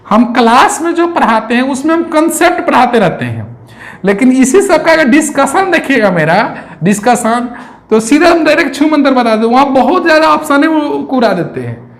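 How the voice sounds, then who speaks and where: Chatty math teacher, echoey room. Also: male voice, very high-pitched, big pitch swings, moderate pace. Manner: chatty, counts aloud, asks rhetorical questions. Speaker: reasoning teacher. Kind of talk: classroom lecture on exam reasoning.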